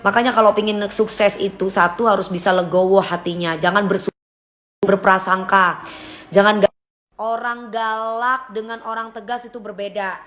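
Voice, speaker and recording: A woman in casual chat with her followers, speaking bluntly, giving examples and lecturing, at times dropping to a quiet voice. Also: mid-range voice, fairly even intonation, normal speed, dull audio. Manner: blunt, lecturing, gives examples, drifts between topics. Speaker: singer talking to her followers. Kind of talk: casual live-stream chat.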